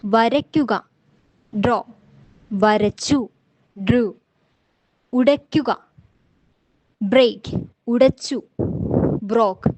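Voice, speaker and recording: A woman with a slightly high voice leads a vocabulary lesson. She speaks at a very slow, measured pace, saying each word separately so listeners can repeat it after her. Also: a little mellow, rough recording. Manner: slow, deliberate, drills words one at a time. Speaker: English teacher.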